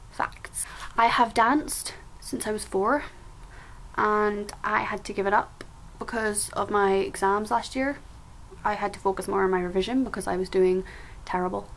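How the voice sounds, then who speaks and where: A woman's voice: medium pitch, a little hiss or hum, poor audio. A seventeen-year-old woman from Scotland with a Scottish accent, chatting playfully and poking fun at herself in a casual home vlog. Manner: chatty, self-mocking and playful. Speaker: vlogger.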